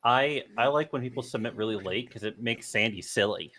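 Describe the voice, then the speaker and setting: A man's voice: medium pitch, a little fast, sharp tone, a little hiss or hum. A man judging a voice acting contest, fair-minded and hesitant, often restarting his sentences. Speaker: judge. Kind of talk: casual livestream chat.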